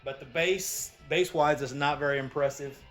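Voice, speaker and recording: A man's voice: on the high side, moderate pace, a bit bright, soft background music. A man giving a casual, rambling product review as the channel's host, often restarting his sentences. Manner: chatty and rambling, with frequent restarts.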